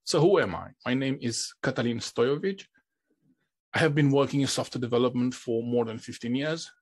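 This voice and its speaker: A man's voice: mid-range voice, a little fast, husky. A middle-aged man from Romania, giving a conference presentation and often restarting his phrases. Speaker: conference speaker.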